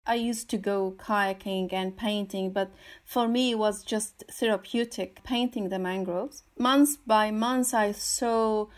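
Halting Syrian-born woman artist speaking. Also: medium pitch, steady tone. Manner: halting, many fillers and repeated words. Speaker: guest, artist. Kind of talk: interview answers.

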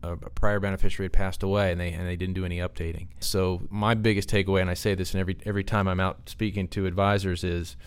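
A man giving off-the-cuff expert advice as a podcast guest, halting and repeating words as he explains. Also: sits low, little pitch movement, clear, resonant tone. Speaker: podcast guest, financial consultant.

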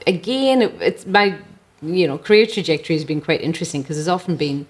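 Brisk and low-voiced, a middle-aged or older woman from Ireland tells her personal story on a podcast. She is a mental health advocate with an Irish accent, speaking reflectively and conversationally from her home.

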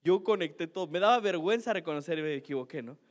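Speaking quickly and expressively in a fairly high voice, a male pastor pokes fun at himself with a humorous personal story during a sermon. He chats along and keeps tossing in "¿no?"

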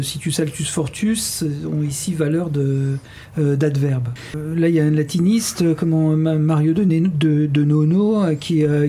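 A man's voice: on the high side, gravelly, dark tone. A man hosting a radio show, talking casually with many fillers and restarts.

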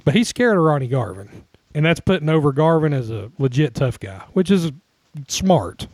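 A man's voice: on the high side, big pitch swings, moderate pace, darkish tone, no room sound. A man co-hosting a casual podcast, chatting and laughing with frequent restarts. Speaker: podcast co-host. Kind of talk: casual chat about wrestling.

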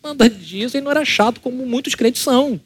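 A married adult pastor with a Brazilian Portuguese accent gives a conversational church sermon, peppering his congregation with rhetorical questions. His voice is very high-pitched, slightly rough, and quick.

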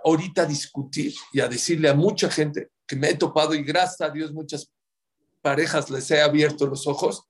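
A man who gives marriage advice to an audience, speaking emphatically and counting off his points. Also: slightly rough. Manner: emphatic, counts off points, acts out quotes in sudden high outbursts. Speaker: religious advisor on marriage.

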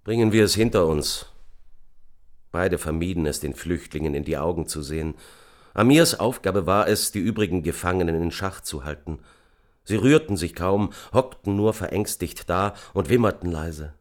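A man reading an audiobook in a measured, dramatic narration. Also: low voice. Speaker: audiobook reader. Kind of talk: scripted narration.

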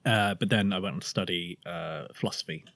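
A man's voice: deep voice, a little fast, dry recording. A young man from Bristol with a Bristolian accent, chatting as a guest and telling stories with a laugh. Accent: Bristolian English. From Bristol, England. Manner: laughing storyteller, lively impressions. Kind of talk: casual podcast chat.

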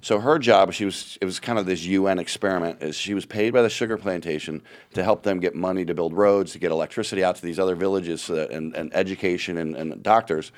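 Fast-talking low-voiced comedian man. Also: fairly even intonation. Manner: rambling, self-deprecating storyteller. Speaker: comedian guest. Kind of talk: casual podcast chat.

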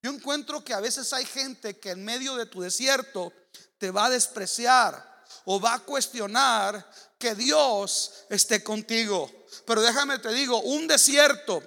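A man preaching a sermon, swinging between loud proclamation and hushed, low storytelling. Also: slow, vocal fry. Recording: long hall reverb.

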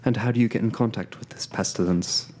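A man's voice: lowish voice, a little fast, a little mellow. A man playing a tabletop role-playing game, casually negotiating and questioning in character.

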